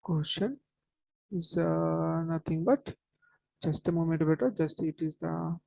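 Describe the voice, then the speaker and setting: A woman's voice: low voice, creaky, dark tone, dry recording. Indian-accented woman teaching, dry close sound. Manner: halting, repetitive phrasing with frequent Hindi endearments and interjections. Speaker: chemistry teacher. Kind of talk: online lesson to students.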